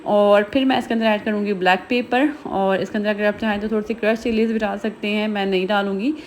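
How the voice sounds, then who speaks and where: A woman talks viewers through a home recipe. She speaks quickly and casually, with plenty of filler phrases. Her voice sits at a middle pitch, and faint noise is heard behind her. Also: fairly even intonation, darkish tone. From Pakistan. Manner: rapid, chatty, heavy use of filler phrases. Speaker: cooking vlogger. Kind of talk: recipe voice-over narration.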